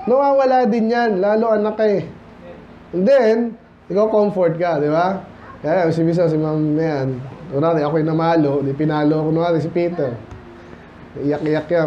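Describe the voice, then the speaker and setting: A Filipino man preaching at a midweek church Bible study, his voice sitting high for a man. He talks conversationally, dropping English phrases in and calling out for amens. The recording is dull and lo-fi, with a faint hiss behind him. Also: mellow. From Philippines. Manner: conversational, often calls out for amens from the congregation. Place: church hall.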